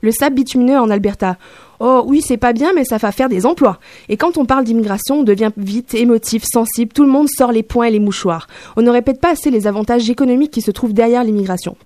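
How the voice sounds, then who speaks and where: A woman's voice: fairly high pitch, mellow, dry recording. A young woman with a French accent, reading a wry, self-mocking opinion column on the radio. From Canada. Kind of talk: scripted opinion piece.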